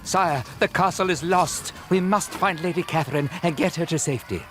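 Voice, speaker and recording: A man's voice: a little high, brisk, a bit bright, faint music behind, natural voice. A man playing a loyal medieval retainer, guiding his lord with deferential, earnest urgency in a game. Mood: urgent. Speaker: tutorial guide. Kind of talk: game character instructions.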